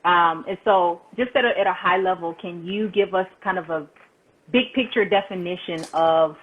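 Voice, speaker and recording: A woman's voice: lowish voice, moderate pace, slightly rough, phone-quality sound. A woman hosting a casual interview chat, upbeat and affirming, with slangy turns of phrase. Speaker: host.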